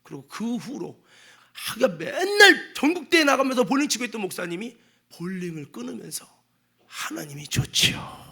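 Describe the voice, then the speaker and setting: Animated, emphatic male pastor preaching. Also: very high voice, brisk, gravelly, slightly rough. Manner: emphatic, acting out quotes, bursts of shouting. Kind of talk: Sunday sermon. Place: church sanctuary.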